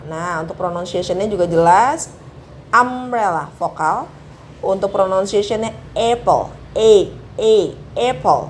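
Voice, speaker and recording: A woman with an Indonesian accent explains an English grammar lesson to students. She works through it step by step, repeats each example word and keeps checking that they understand. There is faint background noise behind her voice. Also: mid-range voice. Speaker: English teacher.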